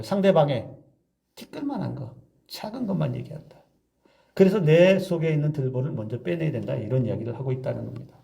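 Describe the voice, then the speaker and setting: A man's voice: on the high side, dark tone. A male pastor giving a conversational sermon, asking the congregation rhetorical questions and acting out everyday examples.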